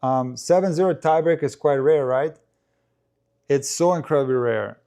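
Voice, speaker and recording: A tennis coach who also comments on live streams chats casually with his viewers in a mid-range, gravelly, mellow voice at normal speed. Answering their questions, he rambles, restarts sentences and fills pauses with ums.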